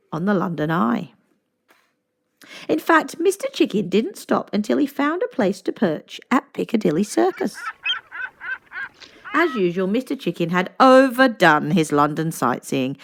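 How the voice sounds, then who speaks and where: With vocal fry and a medium pitch, a woman narrates a children's storybook aloud in a deliberate, expressive storytelling style.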